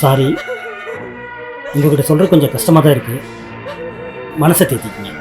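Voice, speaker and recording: An actor in a short film playing a calm male doctor who gently reassures patients and keeps checking they understand. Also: on the high side, moderate pace, natural voice. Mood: grave. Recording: film audio with loud music.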